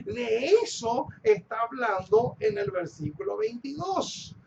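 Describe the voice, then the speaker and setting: A man preaching a sermon, stressing key phrases by repeating them and speaking warmly to his congregation as his beloved. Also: very high voice. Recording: dull lo-fi recording with faint noise.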